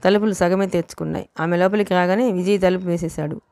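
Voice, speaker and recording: Woman audiobook narrator, steady and low, dry close recording. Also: fast talker, no room sound. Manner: steady storytelling. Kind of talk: novel reading.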